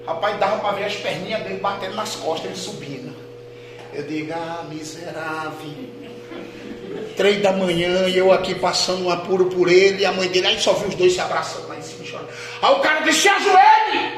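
A man, a pastor, telling a testimony in a sermon, dropping to a hush and rising to shouts. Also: sits high, fairly even intonation, a little fast. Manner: dramatic storytelling, swings from hushed to shouting. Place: church hall. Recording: echoey hall with noise.

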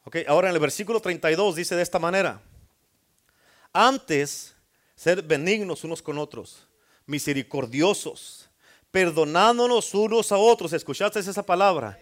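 Male pastor, middle-aged, high voice, call-and-response preaching. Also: normal speed. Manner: call-and-response preaching, asks congregation for amens. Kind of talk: sermon.

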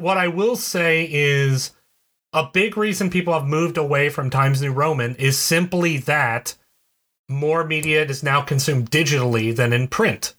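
Bright-voiced man explaining at length. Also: on the high side. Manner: explanatory, digressive, many restarts. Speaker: podcast co-host. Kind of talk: casual chat.

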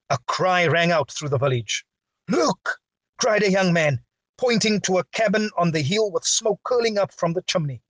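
A man preaching a sermon with a dramatic, drawn-out delivery and big swings in pitch. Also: slightly rough, no room sound.

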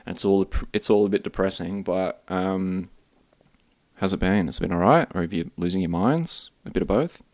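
Man, broad Australian accent, low pitch, dry recording, casual podcast banter, slangy, sweary, blokey. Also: normal speed, a little mellow, dry recording. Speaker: podcast host.

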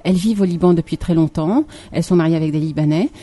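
Warm-voiced woman radio host. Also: lowish voice, quick pace. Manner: explanatory, often repeats "oui, oui, oui" and adds "hein". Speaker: radio co-host presenting a segment. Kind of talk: casual radio chat.

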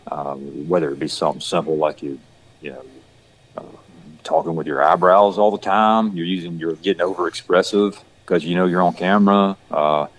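Low-pitched with fairly even intonation, the man talks at normal speed over poor audio. He's an actor from Georgia, USA, with a Southern country accent, chatting casually as a podcast guest, rambling with repeated words, restarts, and plenty of "you know."

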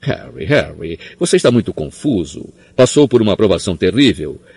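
A man's voice: low-pitched, very animated, fairly quick, gravelly, darkish tone, breathy edge, dry recording, full character voice. A man doing a flustered patronizing minister. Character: fussy anxious male minister. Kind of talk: audiobook character voice.

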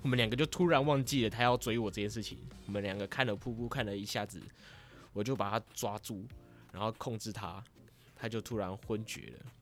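A man casually retelling a dream in a rambling, lively way as a vlogger. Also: fairly low pitch, fairly quick, soft background music. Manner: rambling and lively, grows excited as the story goes on.

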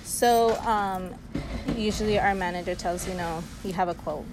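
A woman's voice: fairly low pitch, moderate pace, noisy background. A young woman recounting film scenes in casual chat for a class discussion, chatty with lots of fillers. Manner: chatty, many fillers, laughs easily.

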